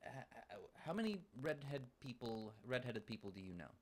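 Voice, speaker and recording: A man's voice: mid-range voice, very animated, brisk, a little hiss or hum. A man hosting a casual livestream, blunt and crude, often repeating his words as he restarts sentences. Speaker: livestream host.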